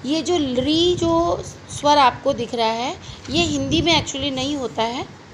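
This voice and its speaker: A woman teaching a grammar lesson, asking questions and answering them herself as she repeats each term slowly. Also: high voice, noisy background.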